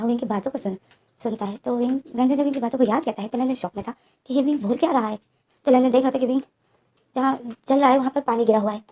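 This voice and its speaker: A woman narrating a fan story casually, tumbling through events in long run-on sentences. Her voice sits somewhat high but sounds mellow and dark, and she talks very quickly. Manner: breathless run-on narration, chaining events with "then".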